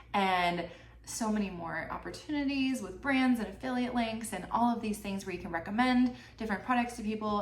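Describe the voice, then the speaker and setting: This young woman's casual vlog about her channel income is loose and talkative, peppered with "like" and "you know," and her medium-pitched voice is clearly stuffy from a cold. Faint hiss, a roomy sound, and a slightly far-off mic mark the recording.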